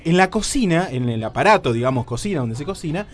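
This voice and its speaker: On a radio show, a young man with a Rioplatense Spanish accent tells a comic story, animatedly acting out his own lines and using crude slang. His voice is a little high and quick, with soft music playing behind him.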